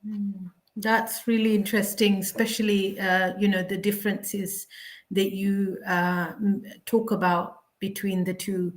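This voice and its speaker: A woman's voice: medium pitch, level tone, measured pace. A woman hosting an online conversation, asking questions in an encouraging, hesitant way full of ums and restarts over a video call. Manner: encouraging, hesitant with many fillers. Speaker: host. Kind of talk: casual interview questions.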